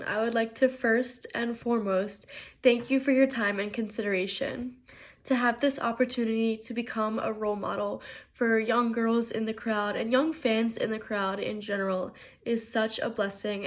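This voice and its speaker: A bubbly, energetic woman of twenty-one introducing herself for a job, her voice a little stuffy from a cold. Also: fairly high pitch, moderate pace. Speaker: job applicant. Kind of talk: upbeat self-introduction video.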